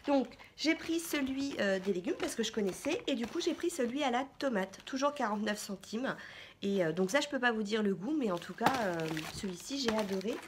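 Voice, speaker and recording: A woman's voice: fairly high pitch, animated, a little fast, background noise. A woman vlogger chatting casually through a shopping haul, rambling with many fillers and restarts. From France.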